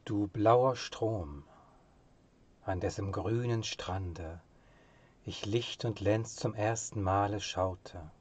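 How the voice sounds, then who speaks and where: A man recites literary poetry in a solemn, measured, expressive way, letting his phrase endings drop to a hush. His voice sits on the low side and sounds husky.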